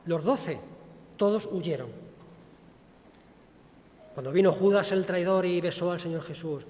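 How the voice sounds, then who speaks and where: A man's voice: sits high, a little slow. A man preaching a sermon, telling the story with feeling and acting out the voices of its people. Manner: expressive preaching, acts out quoted speech. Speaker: pastor. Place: church. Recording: church hall with long reverb.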